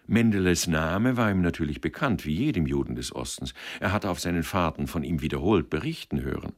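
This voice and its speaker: A man reading literary fiction aloud as an audiobook narrator, measured and expressive. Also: deep voice.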